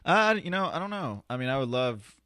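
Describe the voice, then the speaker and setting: Speaking a little fast with big pitch swings, a man with a medium-pitched, sharp, clear and resonant voice answers interview questions as a podcast guest. He's a spoken word poet, rambling casually and hesitantly with lots of "you know," recorded without echo in an indoor studio.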